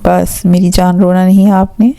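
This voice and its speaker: Woman doing affectionate older brother, gentle coaxing questions, warm low-lit voice with gravel. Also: little pitch movement, no room sound. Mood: caring. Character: caring older brother, soft-spoken and affectionate.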